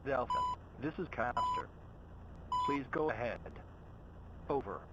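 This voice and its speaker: A man's voice: mid-range voice, huge pitch swings, takes it slowly, very noisy. A man giving a scripted maritime radio reply over a walkie-talkie, with formal, clipped acknowledgements. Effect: VHF radio reply over a handheld walkie-talkie.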